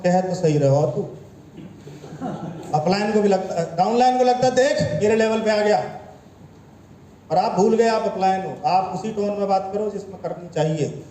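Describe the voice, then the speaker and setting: Male business trainer, high and mellow voice, lecturing style with rhetorical questions, recorded in an echoey room. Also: a little hiss or hum. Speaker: network marketing trainer. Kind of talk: motivational training talk. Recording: echoey room with faint ambience.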